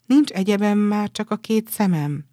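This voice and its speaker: A woman voicing a generous, sorrowful statue prince who gives everything away, in a gentle storybook telling. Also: medium pitch, no echo, studio quality, pitched above the performer's own voice, natural voice. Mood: pleading.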